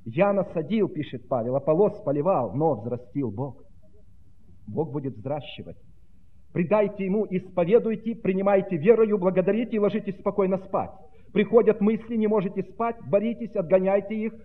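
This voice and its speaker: High-pitched guy preaching hard, rises loud then drops quiet, sounds like over a phone line. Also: normal speed. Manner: fervent, rhythmic, swinging between loud proclamation and hushed tones. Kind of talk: sermon.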